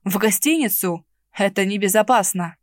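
A woman's voice: medium pitch, normal speed, no echo, clean studio sound, close to an everyday voice. Woman doing a curt, stern male inquisitor. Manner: curt, ironic and commanding. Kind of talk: audiobook character reading.

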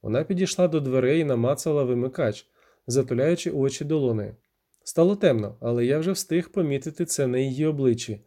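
A man reading a first-person audiobook in a measured, steady storytelling manner. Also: medium pitch. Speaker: audiobook narrator.

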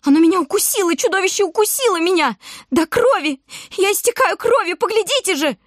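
A woman's voice: animated, moderate pace, dry recording, studio quality. A woman voicing a nosy, gossiping middle-aged grocer's wife who shrieks and pries. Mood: shrieking. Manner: shrill, shrieking, prying. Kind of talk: audiobook character voice.

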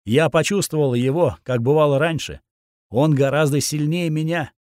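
A man voicing an eager young witch in an audiobook, raising his pitch for her urgent calls. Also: moderate pace, darkish tone, dry recording, clean studio sound, close to an everyday voice.

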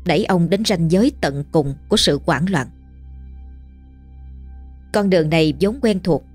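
A woman reading a ghost story as scripted narration, steady and measured. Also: on the low side. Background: faint music.

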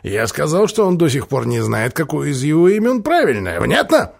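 A mischievous ship's astrologer, voiced by a male reader, who teases everyone around him. His voice jumps high and lively, with laughter bubbling through the words. He sounds like he finds the whole situation hilarious. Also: moderate pace, vocal fry, breathy edge, heavily acted. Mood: giggling mischief.

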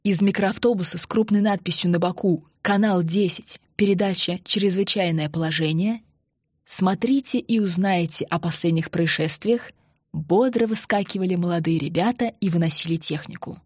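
Husky woman narrating an audiobook. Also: lowish voice, moderate pace, darkish tone, no room sound, studio quality. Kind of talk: scripted narration.

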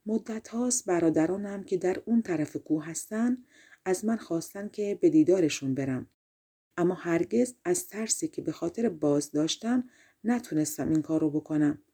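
A demanding five-headed giant from a fairy tale sets hard tasks, as a woman reads his lines. The voice stays mellow and breathy, speaking in a firm, commanding manner. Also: lowish voice, animated. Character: five-headed male giant, gruff master.

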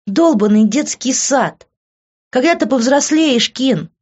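A jealous young woman tears into someone, her voice high and sharp, done by a woman reading a storybook. The recording is a little dull and lo-fi. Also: expressive, takes it slowly, husky, full character voice. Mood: furious scolding. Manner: shrill, scolding. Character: jealous hot-headed young woman, scolding fiancée.

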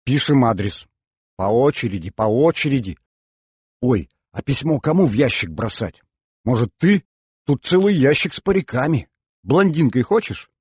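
A man reading an audiobook voices a brisk, bossy teenage girl who leads her friends. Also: lowish voice, expressive, darkish tone, breathy edge, no room sound, studio quality. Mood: eager. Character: eager teenage girl, the group's ringleader.

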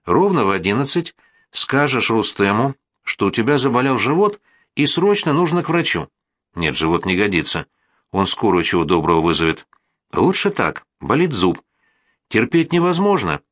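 A man voicing a resolute schoolboy who plots a rescue, speaking in brisk, clipped phrases and sounding sure of himself. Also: lowish voice, big pitch swings, fairly bright tone, no echo. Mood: commanding. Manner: brisk, commanding, short phrases.

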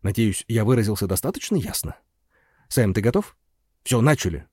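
Man doing a low, coaxing pushy film producer. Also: big pitch swings, normal speed, warm tone, slightly rough, dry recording, clean studio sound. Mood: persuasive. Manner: coaxing and commanding. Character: smooth-talking, pushy male film producer. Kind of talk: audiobook character voice.

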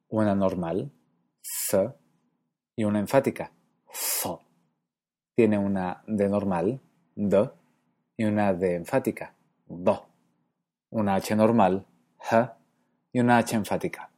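A man giving a scripted educational narration about a language, measured and explanatory, slowing down to spell out example words. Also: lowish voice, a little mellow. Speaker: language lecturer.

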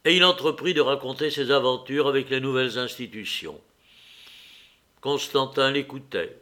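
A man narrating a classic novel as an audiobook reader, in a measured, even reading. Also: medium pitch.

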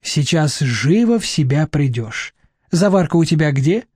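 A man's voice: a little high, big pitch swings, unhurried, darkish tone, husky, no room sound, clean studio sound, exaggerated voice. Bossy sardonic middle-aged woman, voiced by a male reader, audiobook. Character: brisk, sharp-tongued middle-aged woman.

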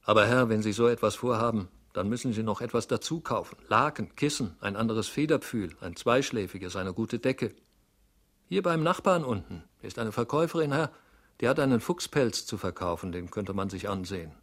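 A man's voice: fairly low pitch, expressive, normal speed, a bit bright. A man reading aloud and voicing a blunt, gossipy manservant who keeps addressing his master deferentially. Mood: advising. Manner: blunt, deferential, matter-of-fact. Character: gossipy blunt male servant. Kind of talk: audiobook reading.

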